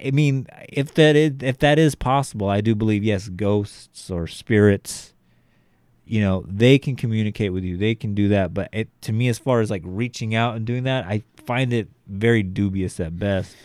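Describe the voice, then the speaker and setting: A man's voice: fairly low pitch, moderate pace, darkish tone, clear, resonant tone, no room sound, studio quality. A young adult man, a podcast co-host, telling a rambling, profane story in casual chat, full of fillers like "you know" and "like".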